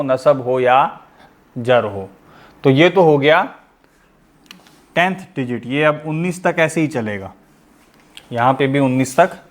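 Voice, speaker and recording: Guy teaching an online class, kinda high voice, keeps asking questions then answering himself, on a call mic. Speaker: Arabic grammar teacher.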